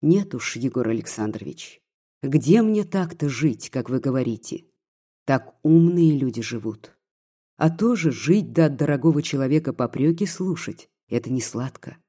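Man reading an anguished bitter woman begging, husky dark tone, raw pleading. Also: mid-range voice, lively intonation, moderate pace. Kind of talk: audiobook reading.

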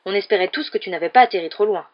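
A woman voicing an excitable, enthusiastic balding wizard father in an audiobook reading. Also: medium pitch, very fast, dull audio, natural voice.

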